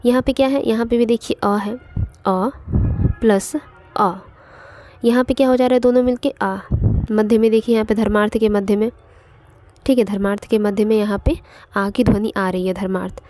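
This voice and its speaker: A woman's voice: mid-range voice, steady tone, moderate pace, long pauses, dark tone. A woman teaching an online exam-prep grammar lesson, explaining step by step and repeating points with frequent fillers.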